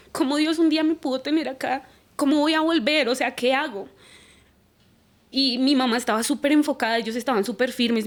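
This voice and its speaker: Animated young woman, fairly high. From Colombia. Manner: animated, acts out quoted dialogue. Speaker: guest. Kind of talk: testimony in a church podcast.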